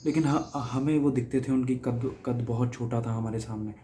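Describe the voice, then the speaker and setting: This young man from Haryana, India, has a warm, medium-pitched, steady voice and speaks at a normal speed, with slight noise behind him. Reflecting casually as a guest reader, he describes a writer's impact on his life, with small laughs and restarts.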